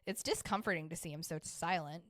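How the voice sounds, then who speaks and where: A woman's voice: fairly low pitch, a little fast, a bit bright, no room sound. Dry-voiced woman reading a story aloud. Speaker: podcast co-host.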